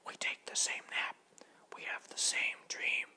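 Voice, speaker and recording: A man voicing a group of gentle, habit-bound butterflies in a breathy whisper. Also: lightly acted. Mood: hushed. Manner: breathy unvoiced whisper, soft and slow.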